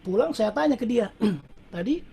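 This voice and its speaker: A man's voice: high voice, animated, a little fast, darkish tone, breathy edge. A middle-aged man telling a personal testimony at a prayer meeting in a casual storytelling way, often addressing the audience as brothers and sisters.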